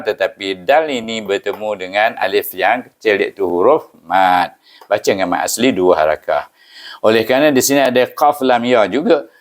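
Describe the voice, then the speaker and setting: A man with a Malaysian Malay accent, teaching Quran reading patiently, syllable by syllable, with slow chanted recitations. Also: on the low side. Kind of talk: step-by-step recitation lesson.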